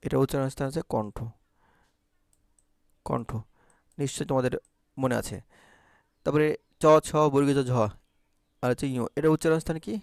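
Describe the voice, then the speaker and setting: A man's voice: medium pitch, moderate pace, gravelly, long pauses, a little mellow, no echo, studio quality. A man teaching a Bangla grammar lesson, explaining step by step and answering his own questions. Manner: keeps checking understanding with short prompts. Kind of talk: recorded exam-prep lesson.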